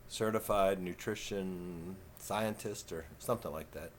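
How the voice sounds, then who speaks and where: A man in his fifties with a Texan southern twang, talking slow and folksy in a rambling, casual vlog. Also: deep voice, a little hiss or hum. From Texas. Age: 50s. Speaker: vlogger.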